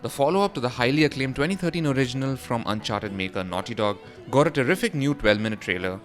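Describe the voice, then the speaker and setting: The presenter here is a man with a mid-range, somewhat bright voice reading scripted voice-over for a gaming news roundup, with background music behind him.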